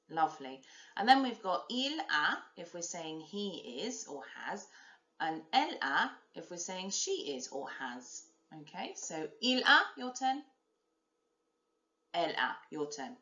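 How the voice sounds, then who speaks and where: A woman around forty teaching a recorded French lesson. She models each sound clearly and prompts learners to repeat it. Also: lowish voice, a bit bright. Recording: roomy, dull lo-fi recording.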